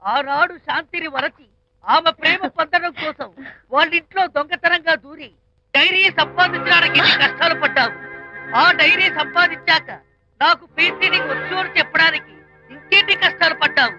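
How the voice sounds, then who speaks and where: An actor playing a teasing comic sidekick in a film, preaching with proverbs. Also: male voice, very high voice, a little fast, over music, poor audio. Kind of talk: film comedy dialogue.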